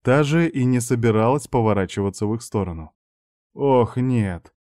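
A man narrating a story in the first person, reading in an even, unhurried way. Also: mid-range voice, dry recording, clean studio sound.

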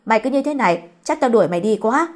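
Brief: woman doing a cranky old landlady type, shrill, quick-tempered scolding. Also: expressive, lightly acted. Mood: irritable. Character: harsh old female mistress, scolding and bad-tempered.

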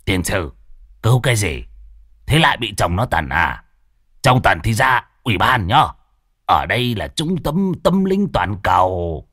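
A man voicing a tipsy old ghost-hunting master who grumbles in a low, mumbling way. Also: sing-song, a little slow, a bit bright, dry recording, clean studio sound, exaggerated voice. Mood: gruff tipsy.

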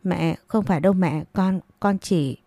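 Young daughter in a storybook reading, voiced by a woman: pregnant, frightened, soft slow pleading, dry close sound. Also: fairly low pitch, no echo.

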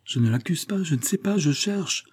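A man's voice: on the high side, animated, normal speed, a little mellow, husky, pitched above the performer's own voice. A man reading an audiobook, voicing an anguished young man in love who pleads in agitated outbursts. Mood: distraught.

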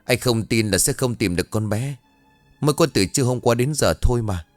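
A man's voice: medium pitch, brisk, no echo, faint music behind, voice pushed up, natural voice. A man voicing a worried middle-aged husband who speaks earnestly, soothing his wife and asking after his missing daughter.

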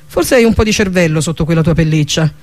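A man reading the part of a bossy, sharp-tongued female sea dweller in an audiobook, with a mocking, commanding manner. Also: a little high, fast talker, lightly acted.

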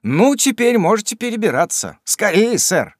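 A man's voice: fairly high pitch, sing-song, moderate pace, no echo, studio quality, voice pushed up. A man playing a blunt, scolding manservant. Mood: urgent. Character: loyal servant man, brisk and blunt.

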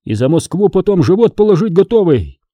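A man doing a blustering bold ex-outlaw, loud and high. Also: sing-song, brisk, dry recording. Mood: rousing. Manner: blustering, shouting and mocking. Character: bold gruff former outlaw, boastful commoner man. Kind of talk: audiobook character voicing.

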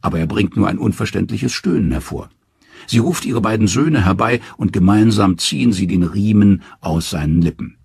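A man narrating a myth for an audiobook in a dramatic, expressive way. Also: on the low side, moderate pace, gravelly, breathy edge, no room sound, clean studio sound. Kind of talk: scripted storybook narration.

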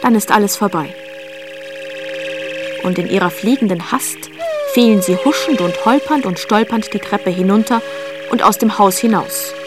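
A woman's voice: mid-range voice, normal speed, music in the background. Woman reading a children's story. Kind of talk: scripted storybook narration. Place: recording studio.

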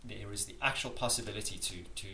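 A campaigner with a South African accent answers interview questions earnestly and emphatically, frequently restarting his sentences. His voice is fairly low, fast and sharp. The room is echoey, with faint noise.

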